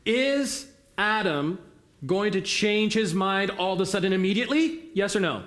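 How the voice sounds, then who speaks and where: A man's voice: high voice, lively intonation, normal speed, a bit bright. A man leading an interactive theatre workshop, encouraging volunteers and asking the audience questions. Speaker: workshop facilitator.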